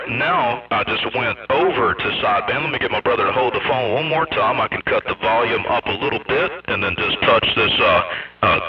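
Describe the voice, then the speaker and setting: A man, heard over a CB radio on single sideband, talking plainly with many "uh" fillers as he demonstrates a radio. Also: fairly low pitch. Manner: plain, halting talk full of "uh" fillers. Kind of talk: casual equipment demo. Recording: muffled, distant CB radio sound.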